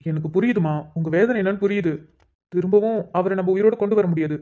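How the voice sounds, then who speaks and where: A woman voicing a calm, reassuring male police inspector in a cartoon, speaking steadily and with authority. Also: medium pitch, quick pace, muffled recording, close to an everyday voice. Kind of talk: cartoon voice acting.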